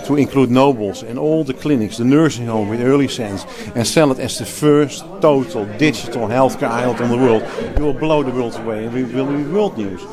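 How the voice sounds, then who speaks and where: Interviewed at a crowded event, with the crowd audible behind him, a Dutch healthcare executive and clinician speaks a little fast in a mid-range voice with hardly any pauses. He has a Dutch accent, talks emphatically, restarts phrases, and laughs easily.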